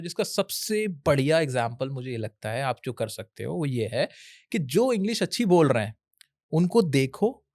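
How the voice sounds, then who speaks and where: A young man from India talks casually as an interview guest, giving advice and mixing in English. His voice sits a little high and sounds dry and close. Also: no echo. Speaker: educational YouTuber guest. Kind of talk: casual Hinglish interview talk.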